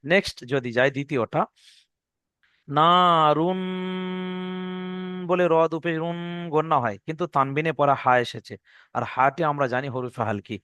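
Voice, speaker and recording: একজন পুরুষ শিক্ষক, ধৈর্য ধরে বারবার নিয়ম বুঝিয়ে দেন এবং অক্ষরের নাম টেনে টেনে সুর করে বলেন।. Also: male voice, medium pitch, a bit bright, no room sound. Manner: patient, repeats rules slowly, drawn-out chanted letter names. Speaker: Quran reading teacher. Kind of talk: classroom lesson recitation.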